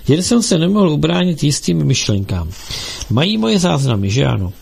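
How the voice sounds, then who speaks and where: A man's voice: animated, gravelly, a little mellow, husky, exaggerated voice. A man voicing a panicky, fawning middle-aged male prisoner who whines and pleads in a raised voice, within an audiobook reading. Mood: panicky whining. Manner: whining, high-strung and pleading.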